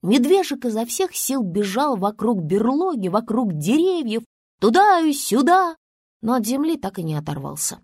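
A woman narrating a children's story in a lively, expressive way. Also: on the high side, moderate pace, breathy edge, no echo, studio quality. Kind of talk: storybook reading.

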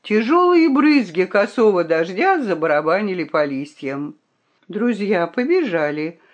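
A woman reading a fairy tale aloud in an expressive, unhurried way. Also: medium pitch. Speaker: storyteller. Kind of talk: storybook reading.

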